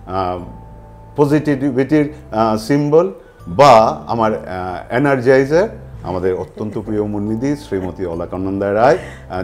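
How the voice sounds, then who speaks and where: A man hosting a lucky draw event, presenting in a semi-scripted way with halting, deliberate phrasing and frequent pauses. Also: fairly low pitch, a little mellow. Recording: music playing behind the voice. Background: music.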